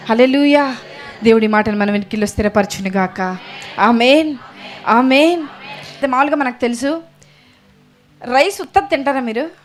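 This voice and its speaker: Woman preacher, high voice, sermon with hallelujahs, questions to the congregation, soft music underneath. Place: church service.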